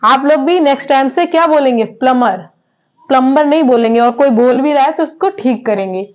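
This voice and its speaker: A woman with a high, fairly quick voice teaches English classroom-style, repeating every word and putting questions to her students. The recording sounds dull and lo-fi.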